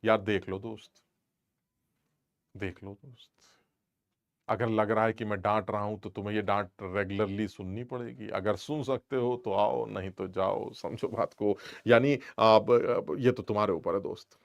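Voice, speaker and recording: A man's voice: lowish voice, steady tone, normal speed, gravelly, lo-fi sound. A man teaching chemistry in an informal, scolding, emphatic lecture style. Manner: scolding, emphatic, plays both teacher and student.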